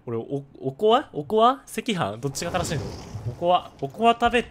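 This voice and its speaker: A man with a hoarse voice, chatting casually while live-streaming a game and thanking viewers for donations. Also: sits high, big pitch swings, fairly quick, a little hiss or hum.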